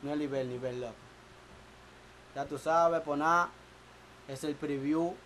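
A producer man talks loosely in a small studio, bragging and cracking jokes in street slang. His voice sits a little higher than most men's, and a faint hiss runs under the camera mic. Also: steady tone, a little slow, a bit bright, rough recording. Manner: boastful, joking, slangy. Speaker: music producer. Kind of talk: casual studio chat.

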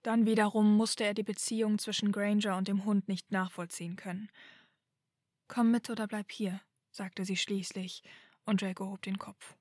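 Woman, audiobook narrator, calm, measured, medium pitch, dry close sound. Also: dry recording. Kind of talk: fan fiction audiobook reading.

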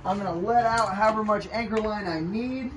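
Talking briskly in a high voice, a man in his thirties, host of a kayak fishing channel, shows how to do something step by step while working with his hands outdoors on a porch. The camera mic, a few feet away, picks up background noise along with him.

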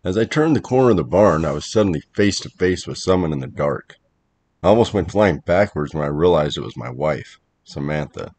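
A man narrating a first-person horror story in a measured, dramatic way. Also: low voice, expressive, darkish tone, breathy edge.

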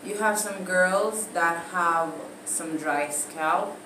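Young Jamaican woman, slow exasperated banter. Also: lowish voice. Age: young adult. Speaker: co-host of a translating challenge. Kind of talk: casual banter in Patois and English. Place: living room at home. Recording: roomy echo, distant mic, noisy.

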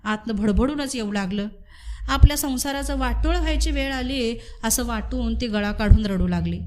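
A woman's voice: fairly high pitch, moderate pace, a little mellow. Woman reading a village story.

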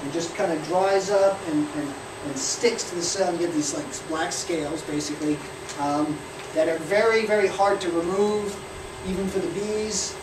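A male beekeeping instructor in his 40s gives practical, explanatory hands-on teaching in a high-pitched voice with fairly even intonation at a normal speed. He's picked up by a far-off camera, so the audio is echoey and noisy.

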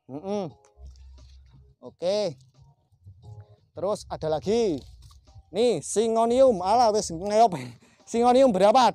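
High-voiced man pitching like a hawker. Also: warm tone, no echo. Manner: repetitive hawker-style patter with prices and prompts. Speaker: plant seller hosting a sales video. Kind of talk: informal sales pitch to camera. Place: outdoors in a shade-net plant nursery. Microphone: clip-on wireless lapel mic.

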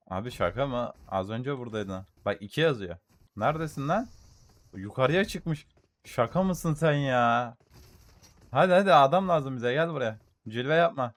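A young man giving gameplay commentary for a mobile shooter, excitedly taunting enemies and muttering to his audience, with gunfire behind him. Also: mid-range voice. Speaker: gaming YouTuber.

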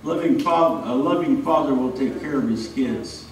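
A man's voice: mid-range voice, normal speed. Man, pastor, earnest sermon, repeats phrases, far from mic, faint room hum. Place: church sanctuary. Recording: echoey church from afar.

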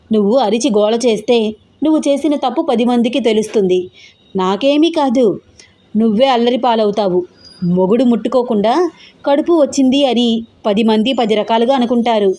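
A woman voicing a spiteful older mother-in-law who speaks slowly and slyly with veiled threats. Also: fairly high pitch, dark tone, lightly acted. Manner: slow, sly, threatening.

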